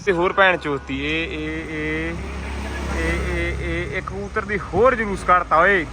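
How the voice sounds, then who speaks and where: A man with a Malwai Punjabi accent giving casual vlog commentary outdoors, complaining bluntly in rough village banter and repeating his words. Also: a little high, fairly even intonation, unhurried. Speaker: vlogger at pigeon-flying contest. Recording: noisy outdoor village ambience.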